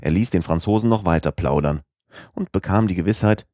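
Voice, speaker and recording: A man narrating an audiobook in a steady, measured storytelling manner. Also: low voice, no echo, clean studio sound.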